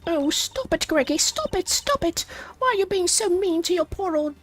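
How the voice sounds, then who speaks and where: A woman's voice: very high-pitched, animated, normal speed. A woman voicing a girlish, wheedling confectioner in a game, pleading in a cutesy, melodramatic way. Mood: whiny protest.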